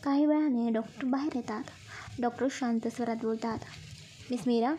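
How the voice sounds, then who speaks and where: A woman narrates a scripted story with a high-pitched, mellow voice. Her reading is steady and expressive. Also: brisk, slight background noise.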